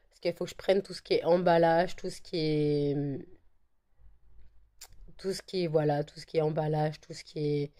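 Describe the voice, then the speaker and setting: A woman with a croaky voice from a cold, chatting casually to camera with many fillers and repeated words. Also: steady tone, normal speed, mellow. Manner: coos at her dogs in a high sing-song. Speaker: vlogger selling handmade candles and wax melts.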